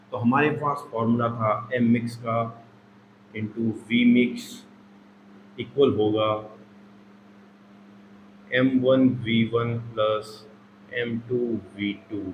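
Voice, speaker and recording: A man teaching a chemistry lesson, talking through each step aloud and repeating himself as he explains. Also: medium pitch. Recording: echoey room with faint noise.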